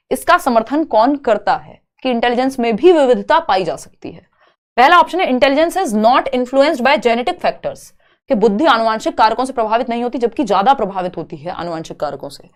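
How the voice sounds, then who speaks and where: Young woman teacher, slightly high voice, reads questions slowly and explains them step by step. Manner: explains step by step, asks and answers her own questions. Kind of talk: exam-prep lecture.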